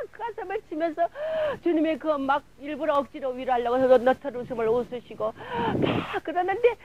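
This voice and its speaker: High-voiced fervent woman preacher. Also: a little hiss or hum, poor audio. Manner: fervent, breathless retelling, runs of filler words. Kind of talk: emotional sermon testimony.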